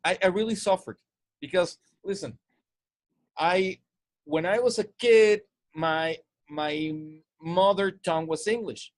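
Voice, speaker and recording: A man from Mexico speaks slowly in a high-pitched voice, his English carrying a Spanish tinge, as he casually coaches on sales. He tends to restart and repeat words, often stumbling.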